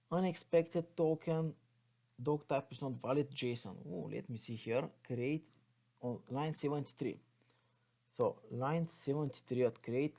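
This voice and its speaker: A programming tutorial instructor with a Bulgarian accent and a mellow, medium-pitched voice gives an unscripted, step-by-step coding walkthrough. He thinks aloud as he types and spells out the code.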